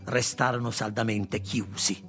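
A man narrating a story in an expressive, dramatic way, with a husky, gravelly voice. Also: on the low side, measured pace, over loud music. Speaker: audiobook narrator. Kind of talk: scripted narration.

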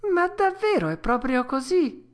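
A woman's voice: high-pitched, expressive, a little slow, pitched above the performer's own voice. A woman voicing a young wooden puppet boy who whines and pleads, frightened and impulsive. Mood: distressed. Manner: whiny, pleading, loud.

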